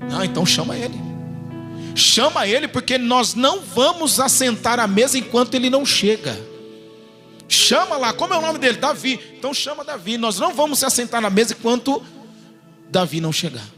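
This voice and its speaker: A man voicing an eager old male prophet as he sizes up sons in a retold story, speaking low. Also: lively intonation, fairly quick, bright, forceful tone, soft background music, full character voice.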